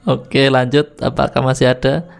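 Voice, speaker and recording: A man's voice: medium pitch, level tone, moderate pace, creaky. Giggly man chatting through reaction clips. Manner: giggly, chatty, frequent laughter. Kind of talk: casual reaction commentary.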